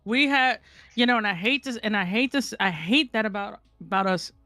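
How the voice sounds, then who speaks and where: A woman's voice: mid-range voice, moderate pace, no room sound, studio quality, faint music behind. A woman in casual conversation, speaking bluntly and swearing freely as she tells stories. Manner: candid, blunt, swears freely, animated storyteller. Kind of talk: casual chat.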